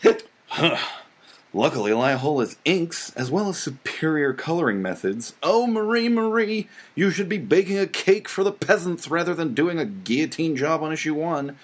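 A prissy, indignant comic fan fires off a complaint letter, as a man reads it aloud in a put-on voice. The delivery is mock-pompous and lifted in pitch. It is pitched as a nerdy voice for laughs. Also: animated, normal speed.

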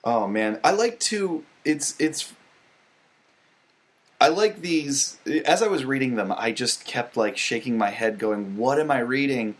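A male podcast co-host chats casually about what he has been reading. His delivery is eager and loose, full of restarts. His pitch sits in an ordinary middle range. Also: lively intonation, slow. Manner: enthusiastic, rambling with restarts. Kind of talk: casual chat.

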